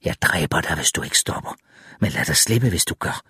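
A man voicing a menacing spirit trapped in a barrel in an audiobook, speaking low, cold and threatening. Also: expressive, breathy edge, no room sound, clean studio sound.

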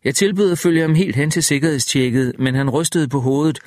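A man reading a first-person audiobook in a calm, measured, reflective way. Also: a little high, no room sound, studio quality. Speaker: audiobook narrator.

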